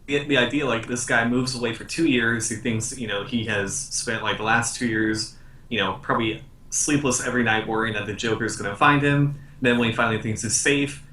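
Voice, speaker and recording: A man's voice: mid-range voice, brisk, sharp tone, distant mic. A young man co-hosting a podcast, chatting casually and agreeably, hedging with "I mean" and "probably". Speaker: podcast co-host. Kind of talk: casual chat. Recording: roomy, away from the mic.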